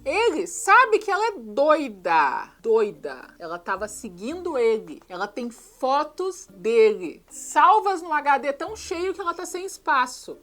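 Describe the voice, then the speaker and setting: A woman's voice: sits high, a bit bright. A woman with a Brazilian Portuguese accent giving a sarcastic, mocking comedic recap of a movie as a YouTube reviewer.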